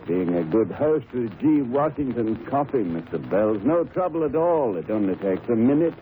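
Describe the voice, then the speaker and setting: A man's voice: medium pitch, very animated, moderate pace, close to an everyday voice. A tinny 1930s radio drama recording with faint noise. A man plays a genial old English doctor, an avuncular storyteller who chats and savors his reminiscences. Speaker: storyteller narrator.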